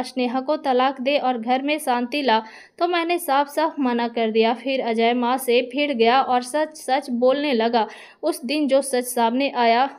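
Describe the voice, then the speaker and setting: A woman narrating a dramatic first-person family story in a steady reading voice. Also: sits high, clear, resonant tone.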